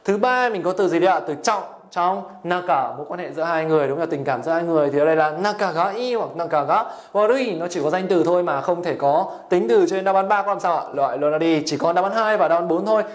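High-voiced man teaching an exam lesson. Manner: checks in constantly with rhetorical tag questions. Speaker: Japanese language teacher. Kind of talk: exam-prep lesson explaining answers.

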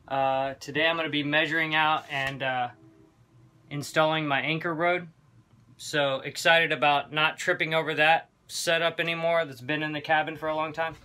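A man in his thirties casually explaining a boat project on a marina dock, relaxed and full of ums and uhs. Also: on the high side, moderate pace, clear, resonant tone. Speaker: sailing vlogger. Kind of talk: casual how-to vlog. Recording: loud outdoor background noise.

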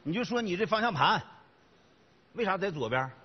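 A man's voice: high-pitched, sing-song, a little fast. A man with a Northeastern Mandarin accent playing a blustering customer demanding a refund in a comedy sketch. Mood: indignant. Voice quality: blustering, bossy. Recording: slightly muffled broadcast audio.

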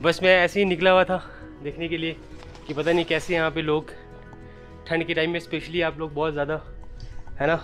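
A travel vlogger from Patna, Bihar, India, chats casually and curiously in a small village house and out on snowy lanes, asking questions and repeating words. Recorded on a handheld camera at arm's length, his voice is a little high, level and fairly bright, brisk but with long pauses, and faint music plays behind.

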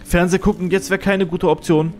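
Male streamer freaking out over a horror game, high voice, jumpy and cursing. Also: normal speed, a little hiss or hum. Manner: jumpy, excitable, swearing. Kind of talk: horror game let's play commentary.

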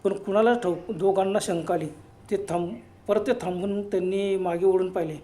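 A man narrating a horror story in a hushed, suspenseful way. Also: sits high, steady tone, normal speed.

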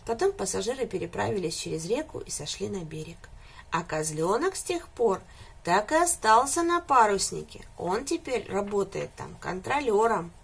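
A woman reads a children's fairy tale aloud with lively, expressive narration. Her mid-pitched voice has a slightly husky, breathy edge. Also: moderate pace. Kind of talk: storybook reading for children.

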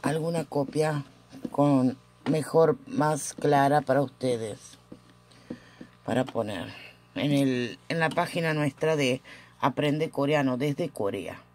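A woman teaching a casual language lesson at home, patiently repeating each example with frequent "eh" pauses. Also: very deep voice, a little mellow, slight background noise.

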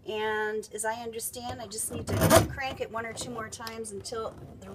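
A woman giving a step-by-step product installation demonstration, explaining clearly as she works with tools beside a kayak. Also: fairly high pitch, fairly even intonation, moderate pace, heavy background noise. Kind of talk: instructional how-to demonstration.

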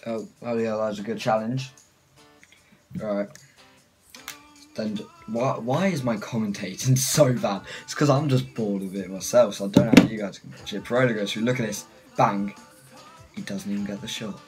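A man's voice: lowish voice, fairly even intonation, moderate pace, long pauses, a little mellow, soft background music, poor audio. A British man giving a casual, rambling, self-mocking voice-over on his own football gameplay. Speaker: gaming channel host.

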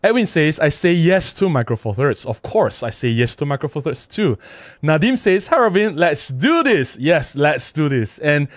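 Recorded at studio quality with no room sound, a middle-aged Malaysian-accented man chats on a livestream in a sing-song voice on the high side, at normal speed. He sits at a desk in a small indoor room with a close, windscreened desk mic, reading comments aloud and replying emphatically and casually.

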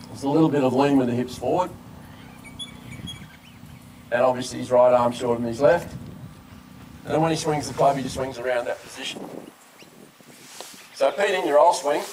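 An older Australian man, a golf coach, explains technique conversationally during a live outdoor clinic demonstration. His voice is mid-range with a darkish tone, picked up by a distant camera mic outdoors along with background noise.

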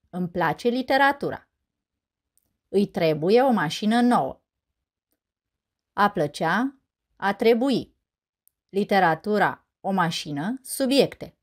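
A Romanian-accented woman reading a scripted grammar lesson, asking and answering her own questions in a clear, measured way. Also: mid-range voice. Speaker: teacher presenting a grammar lesson.

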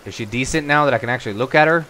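Over clear background noise like falling rain, a man with a mid-pitched voice chats casually. He talks as the host of a co-op gaming session, keeping up loose commentary with his teammates. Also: rapid-fire, pushed and bright. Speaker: host of a gaming video series. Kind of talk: casual co-op gameplay chat.

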